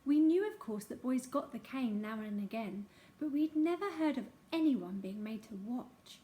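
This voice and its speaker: A woman narrating a childhood memoir aloud in an expressive storytelling manner. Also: on the high side, normal speed.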